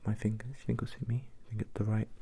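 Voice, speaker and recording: A man doing an ASMR role-play as an ASMR performer, repeating instructions and questions as he shifts between soft voice and soft low voice. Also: flat delivery, quick pace, gravelly, husky. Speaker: ASMR performer giving mock eye tests.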